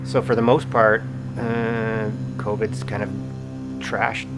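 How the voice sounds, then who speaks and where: Plain-spoken man, lowish voice, interviewed. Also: level tone, slow, loud music behind the voice, poor audio. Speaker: theater operator. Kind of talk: documentary interview answers.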